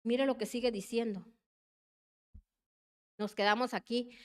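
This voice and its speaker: A woman preaching a sermon with passion, calling her listeners her brothers again and again and swinging between loud urging and quiet, heartfelt pleading. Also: fairly high pitch, steady tone, a little slow.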